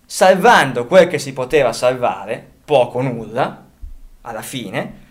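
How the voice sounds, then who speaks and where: A man's voice: mid-range voice, unhurried. A man co-hosting a casual podcast, talking, rambling, often restarting and correcting himself as he thinks aloud. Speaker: podcast co-host.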